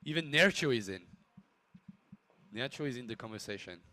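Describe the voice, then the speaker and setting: A man's voice: medium pitch, animated, moderate pace, pushed and bright. A man casting a live esports stream in a casual, playful chat with his co-caster, sometimes slipping in French words.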